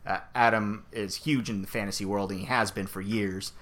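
A man co-hosting a fantasy football podcast in casual chat, upbeat and quick to laugh, with many "uh"s and "um"s. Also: lowish voice, fairly even intonation, fairly bright tone. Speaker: podcast co-host.

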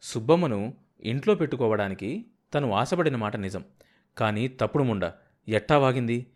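A man narrating a novel as an audiobook reader in a steady, measured way. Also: medium pitch.

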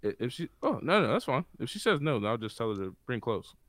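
A young man in casual, slangy chat, swearing and repeating words in excited bursts. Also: medium pitch, fast, no room sound, studio quality. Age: young adult.

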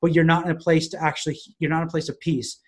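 A man's voice: a little high, level tone, fast. A man who works as a business consultant, telling stories casually in an interview with lots of fillers and restarts. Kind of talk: conversational storytelling interview.

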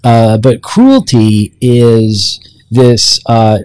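A man's voice: medium pitch, expressive, very slow, a little mellow, clean tone, dry recording. Guy cohosting a church-y podcast, rambly and teasing, dry close sound. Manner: teasing, rambling with many restarts. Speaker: podcast co-host. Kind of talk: casual faith podcast chat.

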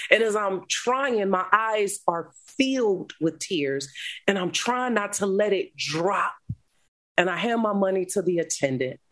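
Woman, interview guest, storytelling, expressive, laughs, loud then hushed. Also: lowish voice. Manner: animated, laughs often, swings from loud to hushed. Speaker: guest speaker. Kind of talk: emotional storytelling.

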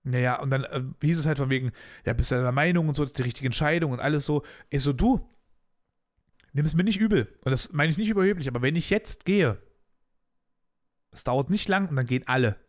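The podcast host's voice is on the high side and fast as he tells a story of a workplace dispute from his own working life. Blunt and animated, he speaks casually and slips in colloquial asides.

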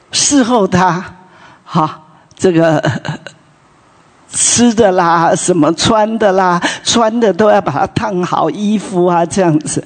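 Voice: medium pitch, long reverb tail. A preacher telling a story in a sermon at a morning prayer meeting, chatty, with many tag particles and restarts.

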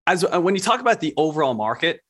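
A man's voice: on the high side, very animated, fast talker, a bit bright. A man on a casual podcast, explaining things earnestly with lots of fillers.

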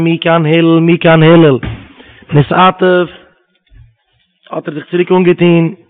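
A man giving a Talmud lesson, reading Hebrew quotes and explaining them in Yiddish. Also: on the high side. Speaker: Talmud teacher. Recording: tinny phone-line sound.

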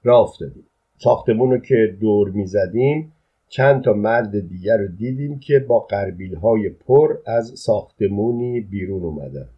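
A man reading a short story aloud in the first person, calm and even, in colloquial speech. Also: fairly low pitch, slightly rough. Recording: dull lo-fi recording.

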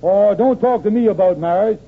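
A man's voice: high-pitched, a little fast, husky. A man playing a blustering, scheming henpecked husband in an old-time AM radio comedy, speaking a folksy ungrammatical dialect. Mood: grumbling. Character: blustering, henpecked lodge-leader husband, scheming and easily cowed. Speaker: comic actor. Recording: tinny, noisy old AM radio recording.

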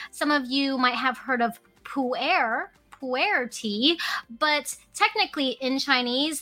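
Bright, high-voiced enthusiastic woman host. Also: low-quality recording. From Hong Kong, raised in Alaska. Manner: enthusiastic, storytelling, lively emphasis. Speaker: podcast host. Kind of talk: casual solo podcast talk.

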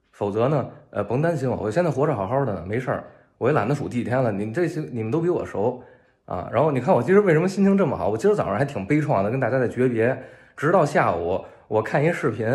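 A man with a Beijing accent talking casually to viewers in a video, cracking wry, deadpan jokes. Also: mid-range voice. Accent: Beijing Mandarin. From Beijing, China. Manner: wry, joking, deadpan gallows humor. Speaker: civilian in a war zone posting a video.

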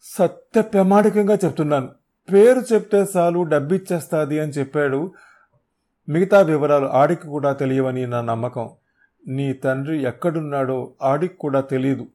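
A man's voice: a little high, normal speed, voice pushed up, natural voice. A man voicing a beaten, frightened male blackmailer who speaks in crude rustic dialect. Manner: crude dialect, pleading and shouting.

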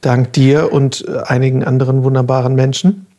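A man in his mid-thirties hosting a podcast in a casual, conversational way, with a husky voice and a playful, self-deprecating manner. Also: mid-range voice, little pitch movement, brisk, warm tone. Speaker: podcast host.

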